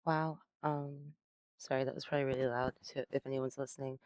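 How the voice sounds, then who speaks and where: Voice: mid-range voice, flat delivery, fairly quick, darkish tone, clear, resonant tone, dry recording. A person interviewing an AI in a casual, rambling way, often laughing and swearing. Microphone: close personal mic at home.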